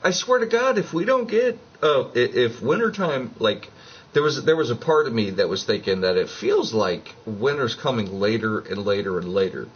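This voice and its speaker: A man's voice: mid-range voice, normal speed, slightly rough, lo-fi sound. A man hosting a livestream, chatting casually and telling stories with plenty of swearing. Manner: profane, animated storyteller. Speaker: livestream host. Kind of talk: casual chat.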